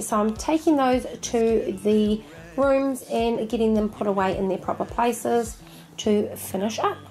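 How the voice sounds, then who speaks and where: A woman's voice: a little high, a little mellow. Chatty woman narrating a clean. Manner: chatty, lots of ums, friendly asides to viewers. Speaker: cleaning vlogger. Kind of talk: casual voice-over narration.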